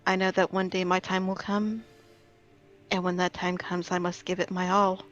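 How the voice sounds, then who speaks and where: A woman playing a gentle, earnest fae-touched woman in a tabletop game, speaking in measured, philosophical riddles. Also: fairly low pitch, flat delivery, lo-fi sound, soft background music, lightly acted. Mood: resolute, gentle.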